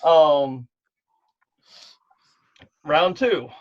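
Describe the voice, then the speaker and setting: Over dull, low-fidelity online call audio, a game master narrates a tabletop session. His voice is a little high with lively intonation, and he speaks very slowly, relaxed and musing aloud as he goes.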